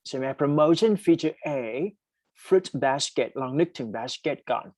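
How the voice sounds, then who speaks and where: Young Thai-accented male tutor, lively rising and falling delivery, upper-middle pitch, reads test items slowly. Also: no room sound. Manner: reads English sentences slowly, explains quickly in Thai; asks students to type answers in chat. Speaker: English teacher. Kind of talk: online exam-prep lesson.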